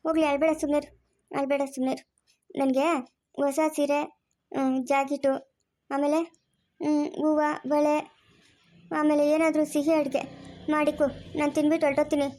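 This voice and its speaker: A woman's voice: high voice, level tone, normal speed, long pauses, mellow, natural voice. A woman playing the spirit of a dead grandmother, who speaks sternly and makes demands. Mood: stern, demanding. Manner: commanding, listing demands. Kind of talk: family drama acting.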